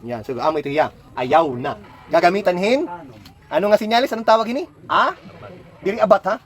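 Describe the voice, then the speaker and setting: A man's voice: high-pitched, brisk. A man tutoring a child at home, patiently coaxing answers with lots of questions. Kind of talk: home lesson, quizzing a child.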